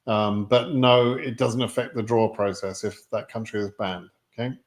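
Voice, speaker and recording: A man's voice: on the low side, fairly even intonation, moderate pace. A British man in his sixties hosting a live stream, answering viewer questions in a frank, rambling way with many restarts. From United Kingdom. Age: 60s. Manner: rambling, frequent ums and restarts, frank and plainspoken. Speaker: immigration lottery advisor hosting a live stream.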